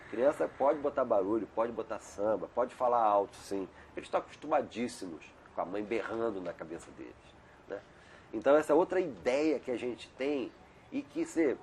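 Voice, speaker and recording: Speaking in a medium pitch, a middle-aged doctor is interviewed over video call, chatting loosely, drifting between topics and repeatedly saying "né?". A little hiss or hum runs under the audio.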